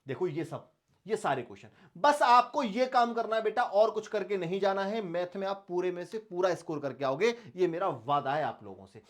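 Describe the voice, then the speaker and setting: Animated and high-voiced, a man runs an online exam-preparation class at a normal speed. He instructs his students fondly, goes over his points again, and asks questions he doesn't expect answered.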